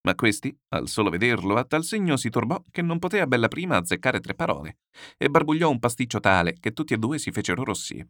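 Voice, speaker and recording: A man reading a novel aloud as narrator, in an animated, theatrical manner. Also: medium pitch, fast talker, no echo, studio quality. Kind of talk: expressive audiobook reading.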